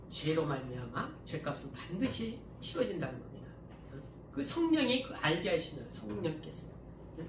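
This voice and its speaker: A male pastor giving a sermon in a conversational style, often asking the congregation to agree and sometimes breaking into louder passages. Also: on the high side. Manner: conversational preaching, often asks listeners to agree; many fillers and restarts, sudden rises in volume. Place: church hall. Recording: echoey room, mic at a distance, faint background hum.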